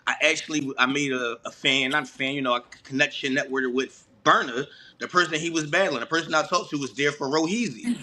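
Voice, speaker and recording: An animated man tells stories in a loose, slang-heavy podcast conversation. His voice is bright and forceful and sits a little high for a man. He keeps circling back with casual asides as he talks. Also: fairly quick. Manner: animated, storytelling, slangy, frequent "you know what I'm saying". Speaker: battle rapper guest.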